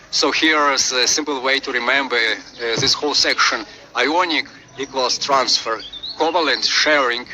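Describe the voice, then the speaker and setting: A man with a Slavic accent reading out a lesson as presenter, haltingly, often repeating and correcting his words. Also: medium pitch, background noise. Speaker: presenter of a chemistry refresher. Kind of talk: lesson read from on-screen script with asides.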